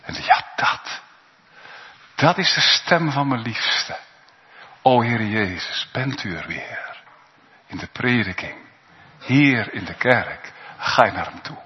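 A man delivers a sermon at a slow, deliberate pace, pausing between phrases and lifting his voice on key words. His voice carries with a long reverb through a church. The recording sounds dull and lo-fi. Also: medium pitch, lively intonation. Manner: slow, emphatic preaching with pauses and rising calls. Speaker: preacher.

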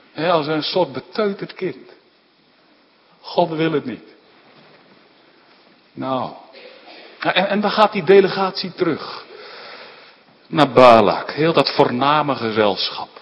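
A man preaching a sermon, explaining scripture in an emphatic, animated way with frequent rhetorical asides. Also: fairly high pitch, slow pace, long pauses. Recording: dull sound in a large reverberant hall.

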